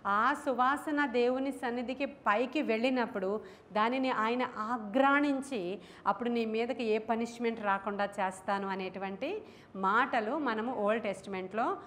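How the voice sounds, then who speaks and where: A woman's voice: a little high, normal speed, a bit bright. A woman pastor with a Telugu accent, preaching a sermon to her congregation and asking them questions. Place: church.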